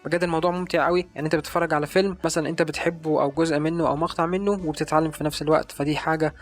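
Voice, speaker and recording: Rapid-fire Egyptian man giving tips. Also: a little high, fairly even intonation. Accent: Egyptian Arabic. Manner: rapid, earnest recommending. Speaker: language-learning YouTuber. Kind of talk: casual advice video.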